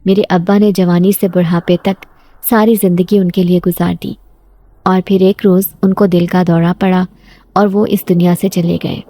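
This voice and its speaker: A woman voicing a sickly, orphaned young male servant who tells his story in a quiet, resigned tone. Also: lowish voice, no echo.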